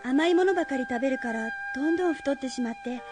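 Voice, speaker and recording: An actress playing a well-bred young woman who speaks gently and politely. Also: sits high, fast talker, music in the background, lightly acted. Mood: gentle. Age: young adult. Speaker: university student. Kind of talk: film drama acting.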